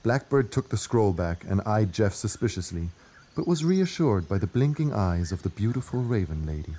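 A man's voice: lowish voice, big pitch swings, normal speed, warm tone, husky. A man narrating a scripted children's adventure story.

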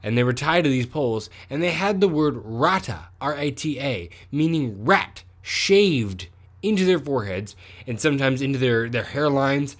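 A man's voice: mid-range voice, expressive, normal speed. A man co-hosting a podcast in casual comedic chat, rambling and profane, often correcting himself. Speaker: podcast co-host.

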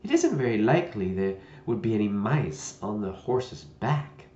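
A man's voice: fairly low pitch, sing-song, moderate pace, warm tone, slight background noise. A man voicing a polite, curious young girl who speaks mildly. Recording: dull lo-fi roomy recording.

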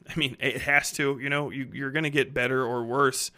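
A fiction writer in his thirties hosts a podcast, delivering an unscripted, rambling monologue in a bright, forceful mid-range voice with fairly even intonation at normal speed. He talks bluntly, uses slang and swears casually and often.

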